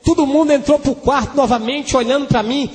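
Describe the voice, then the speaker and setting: A man's voice: very high voice, steady tone, fairly quick, darkish tone. A man with a Brazilian Portuguese accent, an evangelist giving a fervent testimony and sermon, breaking into tongues as he preaches. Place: church hall. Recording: long hall reverb with faint music.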